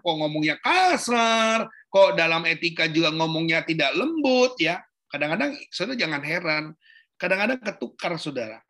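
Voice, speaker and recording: A man with a high, bright, forceful voice preaches a sermon in a conversational way, repeatedly addressing his listeners as "Saudara." He often calls on them directly and acts out short quoted scenes.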